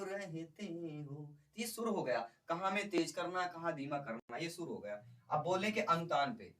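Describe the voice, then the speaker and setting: A male teacher with a fairly high-pitched voice runs an exam-prep lesson, asking his students questions as he goes. He sits somewhat back from the microphone, so the voice sounds slightly distant. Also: a bit bright. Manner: explains step by step, often asks the class questions. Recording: voice somewhat far from the mic.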